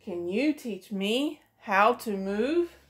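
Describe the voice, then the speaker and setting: At medium pitch, animated yet slow, a middle-aged woman who teaches preschool reads a picture book to children. She sings the lines and gives each character a distinct voice, recorded close up in a small room.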